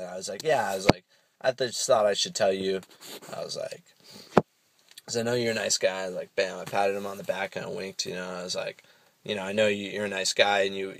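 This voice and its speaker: A man's voice: low voice, vocal fry, no echo. A young man giving a casual, rambling self-help monologue, full of fillers and swearing. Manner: rambling, profane, with many fillers. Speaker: vlogger.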